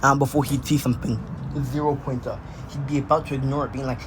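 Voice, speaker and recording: A man's voice: mid-range voice, little pitch movement, background noise. Man rambling through an unscripted story. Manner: halting, restarts and repeats phrases. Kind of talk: casual fan-fiction narration.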